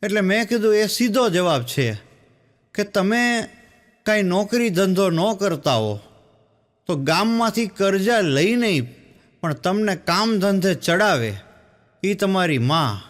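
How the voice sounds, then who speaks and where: A man's voice: expressive, takes it slowly. Man telling stage jokes. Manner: storytelling, acts out quoted speakers in lowered voice. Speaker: stand-up comedian. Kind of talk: stand-up joke telling on stage.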